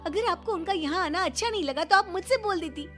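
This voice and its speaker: Woman doing a young bahu, hurt and scolding, high voice over music. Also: fast talker, a bit bright. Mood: upset. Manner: pleading and scolding. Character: young daughter-in-law, upset and indignant. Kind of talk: cartoon story voice acting.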